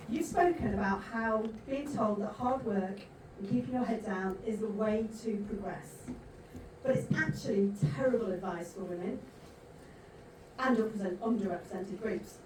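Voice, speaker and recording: A woman's voice: medium pitch, a little mellow. A woman moderating a conference panel, delivering her points in an emphatic, rhetorical way. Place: large conference hall. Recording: echoey hall from far off, noisy.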